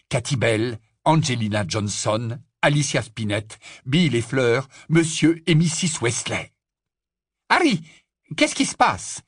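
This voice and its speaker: Expressive, husky male storybook narrator. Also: mid-range voice, dry recording, clean studio sound. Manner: expressive reading, varied intonation. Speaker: audiobook narrator.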